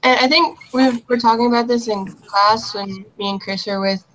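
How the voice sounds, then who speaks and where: A woman's voice: on the high side, steady tone, moderate pace, fairly bright tone, slight background noise, rough recording. A teenage woman student on a video call, hesitant and searching for her words. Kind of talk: casual video-call book discussion. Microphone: laptop on a video call.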